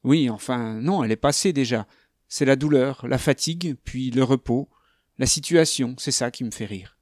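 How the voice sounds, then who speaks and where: A man voicing a young woman hiker who is tired but candid, spoken gently in a conversational tone. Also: medium pitch, moderate pace, no echo, clean studio sound, close to an everyday voice. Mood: reflective.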